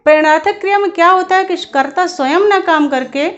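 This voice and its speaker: A woman's voice: extremely high pitch, fairly quick, a bit bright, dull audio. A woman teacher explaining a grammar lesson, patiently repeating each point and checking in after every step.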